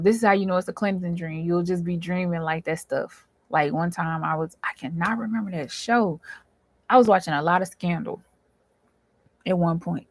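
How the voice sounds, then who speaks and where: A woman whose voice is on the low side hosts a casual, informal chat for her viewers, telling stories in colloquial everyday speech. She's a dream interpreter, and the recording has no room sound.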